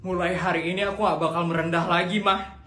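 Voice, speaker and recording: A man's voice: sits high, little pitch movement, quick pace. A man playing a boastful rich schoolgirl. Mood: casual. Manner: casual, boastful, easygoing. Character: spoiled rich schoolgirl who boasts of her wealth. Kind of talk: comedy skit acting. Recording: echoey room with loud music.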